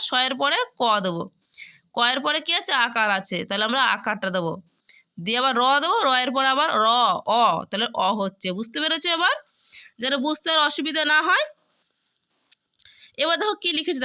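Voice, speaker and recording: High bright woman teaching children patiently. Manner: slow, patient, spells out letters one by one and keeps checking understanding. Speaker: primary school teacher. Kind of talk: spelling and vocabulary lesson for children.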